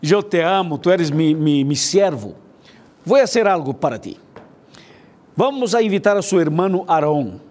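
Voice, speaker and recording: A man preacher voicing God speaking to Moses, commanding at times and gently reassuring at others. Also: on the high side, animated, normal speed, natural voice. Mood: gentle. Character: patient but firm God speaking to Moses.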